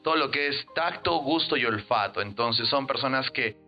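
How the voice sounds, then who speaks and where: A man hosts an educational podcast at a middle pitch and explains ideas in a lively way, acting out short example voices as he goes. The sound is slightly dull, and faint music plays underneath. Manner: lively teacher, acts out quick example voices and asks "¿no?" often. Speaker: NLP trainer and podcast host.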